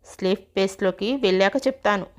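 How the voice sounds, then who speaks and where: A woman doing brisk young hero Mohan. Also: mid-range voice, close to an everyday voice. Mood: reassuring. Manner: brisk, reassuring. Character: confident young man, reassuring hero.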